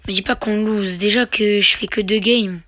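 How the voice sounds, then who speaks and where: Battling a slight cold and sore throat, this young man comments on his mobile gameplay for YouTube, alternating hyped slang cheers with mumbled asides. He sits high in pitch at a moderate pace, with a faint hiss or hum.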